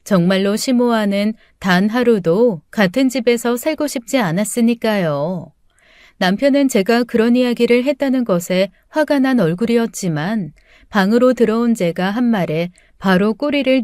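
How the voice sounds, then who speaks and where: Woman storyteller, calm and confiding, higher voice, dry close mic. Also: moderate pace, dry recording. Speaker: narrator. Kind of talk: storytelling narration.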